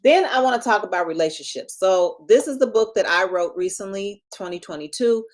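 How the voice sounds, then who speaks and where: A woman in her fifties, a marriage and relationship coach, talking casually and in a lively way on a live stream. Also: mid-range voice, brisk. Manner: lively, chatty, self-deprecating asides.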